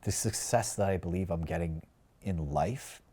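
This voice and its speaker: A man's voice: sits low, moderate pace, dark tone, husky. A man talking earnestly and reflectively in a casual conversation, heavy on "like" and "you know.". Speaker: podcast guest, career coach.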